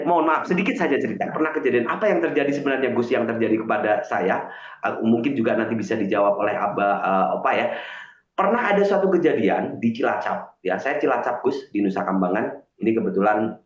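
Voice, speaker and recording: A man telling a story earnestly on a live stream. He hesitates often and restarts his sentences with many fillers. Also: mid-range voice. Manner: earnest and confessional. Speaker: guest on a live stream, self-styled healer. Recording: echoey, dull lo-fi stream audio.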